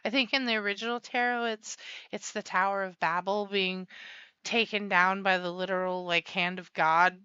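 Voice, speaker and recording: A woman's voice: mid-range voice, fairly even intonation, moderate pace, pushed and bright, smooth, no echo, muffled recording. A woman giving a casual tarot reading, chatty and rambling, with frequent laughs and fillers. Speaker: tarot reader.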